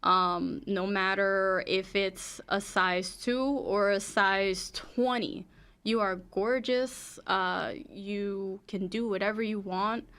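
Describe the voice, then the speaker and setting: Bright-voiced New York woman. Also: mid-range voice, steady tone, takes it slowly, clear, resonant tone. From the Bronx, New York. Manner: candid, laughs easily. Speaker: stand-up comedian and podcast guest. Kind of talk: casual interview chat.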